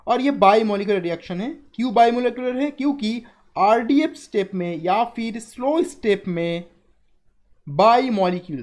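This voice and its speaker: A man's voice: high voice, darkish tone. A young adult man teaching chemistry in a live online class, explaining step by step, repeating key terms and asking students questions.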